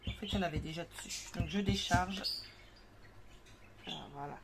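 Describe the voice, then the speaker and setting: A woman with a fairly low voice speaks at a normal pace over a noisy crowd while casually demonstrating a craft at home, thinking aloud with many fillers. She hosts a craft tutorial at her table, with parakeets and kids nearby and noticeable household noise, including bird chirps.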